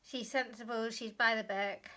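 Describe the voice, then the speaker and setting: A woman's voice: fairly high pitch, steady tone, moderate pace, pushed and bright. A young woman vlogger talking casually about a book she has read, chatty and often stopping to search for the right word or correct herself.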